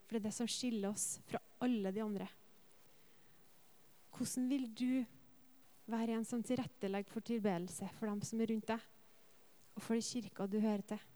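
A woman preacher giving an earnest sermon, telling lively personal stories and asking the congregation rhetorical questions. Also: a little high. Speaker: preacher and worship leader.

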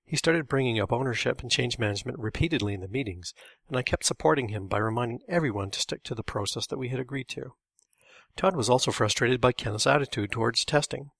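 A man's voice: medium pitch, quick pace, vocal fry, fairly bright tone, no room sound. A man reading a memoir in a dry, matter-of-fact scripted narration.

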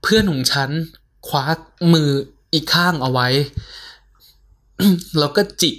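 A woman narrating a horror story in a hushed, suspenseful way. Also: low-pitched, animated, slow.

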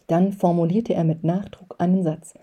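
Give me a woman narrating an audiobook in a calm, measured way, with a dark mellow voice. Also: lowish voice, breathy edge, muffled recording. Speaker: reader.

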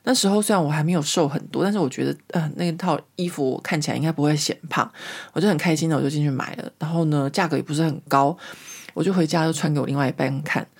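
Podcast host, woman in her 40s, low voice, rambling casual storytelling. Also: fast, husky. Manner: chatty, rambling storyteller, many fillers. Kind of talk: casual chat monologue.

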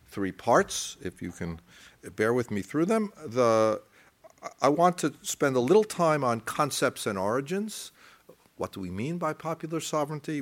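A man with a medium-pitched voice delivers an academic lecture in a halting, wandering way, looping back with stammered restarts and leaning deliberately on key phrases.

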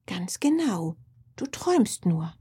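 A woman's voice: fairly low pitch, very animated, slow, husky, heavily acted. A woman voicing a timid little blue fox. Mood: gentle. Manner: soft, hushed and anxious. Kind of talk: children's audio story.

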